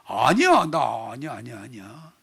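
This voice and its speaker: Pastor doing a hotheaded fisherman guy, blurts everything out, kinda high voice. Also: big pitch swings, takes it slowly, creaky, fairly bright tone, slightly rough, heavily acted. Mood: denying. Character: impulsive male fisherman disciple, adult.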